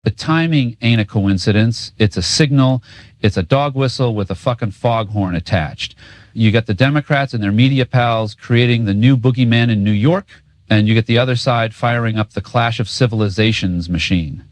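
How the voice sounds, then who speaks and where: A man's voice: mid-range voice, normal speed, dry recording. A man co-hosting a political talk show, trading a scripted rant in sarcastic, cynical, profane street talk. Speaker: co-host.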